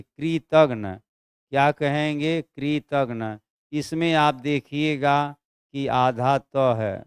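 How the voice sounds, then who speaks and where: Man dictating a Hindi class slowly. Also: medium pitch, clean tone, no room sound, clean studio sound. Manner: dictates slowly, drawing out and repeating words; checks in with students often. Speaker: teacher. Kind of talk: online exam-prep Hindi class.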